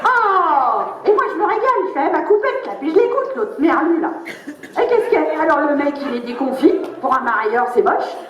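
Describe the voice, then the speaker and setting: A woman's voice: high voice, expressive, a little fast, background noise. A woman performing a crude, spiteful old grandmother in a comedy monologue, foul-mouthed and gleefully mocking. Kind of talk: stand-up character monologue. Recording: dull, echoey room sound.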